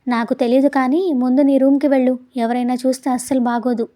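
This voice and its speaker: A woman reading an audio story and voicing an irritable young man who scolds in a gruff way. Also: high-pitched, little pitch movement, brisk, warm tone, close to an everyday voice. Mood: annoyed. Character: irritable young man, stern yet softening.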